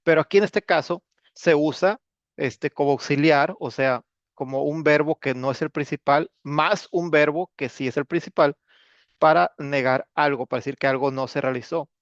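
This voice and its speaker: A man's voice: a little high, normal speed, no room sound, lo-fi sound. Casual man teaching English. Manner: casual, joking, with many fillers. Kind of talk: recorded class explanation.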